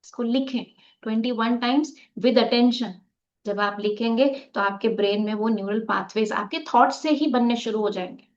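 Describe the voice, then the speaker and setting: A woman's voice: on the high side, normal speed. A woman teaching a live online meditation lesson, asking the class rhetorical questions, leading a group activity and mixing English words into her talk. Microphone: video call. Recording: muffled video-call audio.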